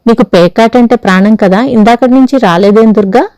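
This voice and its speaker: A spirited young woman in a storybook reading, put on by a woman narrator. She speaks in a lifted, pressing voice with a mellow, soft-edged tone. The sound is close and dry. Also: on the high side, moderate pace, no room sound, natural voice. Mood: urging.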